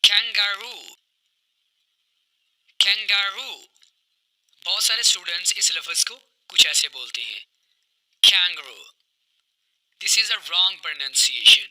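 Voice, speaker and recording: A man teaching English vocabulary, saying each word slowly and carefully and talking to viewers as friends. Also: sits high, bright, forceful tone. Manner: slow and deliberate, addresses viewers as friends. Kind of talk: vocabulary lesson, repeating words slowly.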